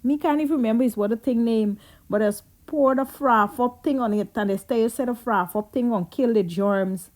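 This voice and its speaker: A woman's voice: a little high, normal speed, darkish tone. A Guyanese woman telling childhood stories in a chatty, reminiscing way, slipping into Creole as she goes. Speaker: vlogger. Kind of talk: casual storytelling.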